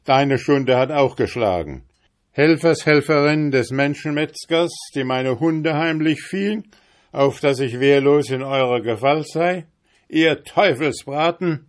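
A man's voice: mid-range voice, lively intonation, measured pace, a little mellow, voice pushed up, lightly acted. Man doing a bold young journeyman. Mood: defiant. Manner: firm, angry, raised voice.

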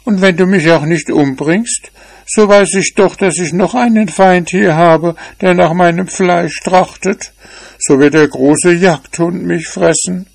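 A timid little rabbit from a storybook squeaks out her fears in a high, trembling voice, as a man puts her on. The words come slow and pleading. The reading is close and dry. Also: creaky, no room sound, exaggerated voice. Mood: fearful, pleading. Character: frightened little female silk rabbit.

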